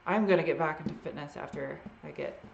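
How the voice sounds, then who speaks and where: A woman's voice: low-pitched, fast talker, gravelly, echoey room, muffled recording, a little hiss or hum. A woman with a trace of a Boston accent hosting a live Q&A, chatting casually and trailing off often as she answers viewer questions. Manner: rambling and unsure, often trailing off.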